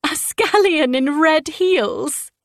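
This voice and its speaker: Woman doing a playful young debutante, high and giggly, in a storybook reading. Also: expressive, slow, a bit bright, no echo, studio quality. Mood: giggling. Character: lively young debutante Daisy, teasing and playful.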